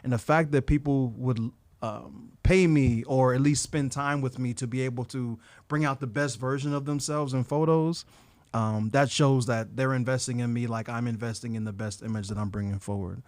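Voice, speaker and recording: A man speaking as a guest on a podcast, earnest and reflective, often pausing with um and framing his work in terms of faith. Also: medium pitch, fairly even intonation, darkish tone, no echo. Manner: many thinking pauses with um. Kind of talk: casual podcast interview.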